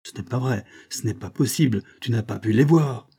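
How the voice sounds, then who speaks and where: Man reading as a brutish male showman, blustering, threatening, husky, storybook villain. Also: mid-range voice, moderate pace, warm tone. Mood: rattled.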